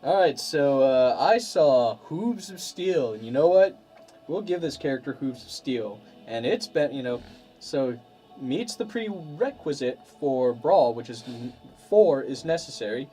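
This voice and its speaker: A man's voice: mid-range voice, measured pace, faint music behind. A man hosting a stream as game master, playfully walking players through tabletop rules. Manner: animated, playful explainer.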